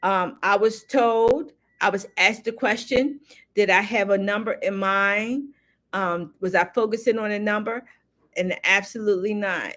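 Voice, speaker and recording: A woman in mid-range pitch hosting a live stream in a loose, rambling way. She speaks directly to her audience and calls them y'all, with a casual, unscripted flow. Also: a little slow, fairly bright tone. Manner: rambling, talks straight to viewers as y'all. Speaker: livestream host.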